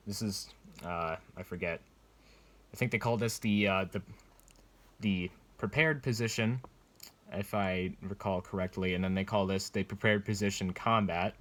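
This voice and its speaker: A man giving a casual, unscripted show-and-tell review in a rambling, hesitant way, hedging as he explains. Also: fairly low pitch. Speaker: collector reviewing military surplus gear.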